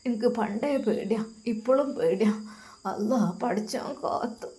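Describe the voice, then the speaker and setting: A woman voicing a frail, tearful, pious elderly grandmother in a soft, half-whispered way. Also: a little high, a little slow, close to an everyday voice.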